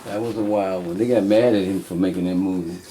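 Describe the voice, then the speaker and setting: A man in casual chat indoors at a home, talking in a relaxed, easygoing storytelling way. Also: low-pitched, quick pace, a loud crowd. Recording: roomy, distant mic.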